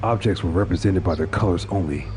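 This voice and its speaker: Speaking quickly in a deep, low voice, a man narrates a dark tale with dramatic, scripted delivery. Clear ambient noise sits behind his reading.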